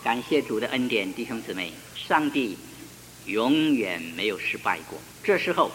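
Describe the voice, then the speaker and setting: A man preaches with a lively, swinging delivery, reading scripture and firing off rhetorical questions, sometimes shouting out a call. His voice has a bright, forceful edge. It rings with a long hall reverb over a faint hiss. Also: mid-range voice, normal speed. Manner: animated, shouts quoted calls, asks rhetorical questions. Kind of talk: Mandarin sermon with scripture reading.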